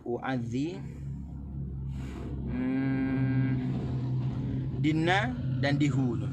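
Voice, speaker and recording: A man with a Malaysian Malay accent teaching Quran recitation. He explains in short phrases and then recites the examples slowly. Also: mid-range voice, noisy background.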